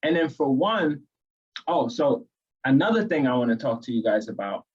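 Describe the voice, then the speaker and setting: A man from New York explains sales tips in a steady, earnest coaching manner. His voice is husky and mid-pitched, and the lo-fi recording takes the edge off it. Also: normal speed. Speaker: real estate agent co-host. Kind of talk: casual training chat.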